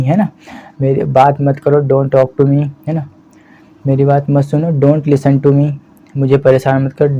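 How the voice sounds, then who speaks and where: A man teaching spoken English in Hindi, explaining slowly and checking in with "है ना" again and again. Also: mid-range voice. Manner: slow, repeats "है ना" as a steady check-in. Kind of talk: explaining a language lesson in Hindi. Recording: slightly dull lo-fi audio with faint background hiss.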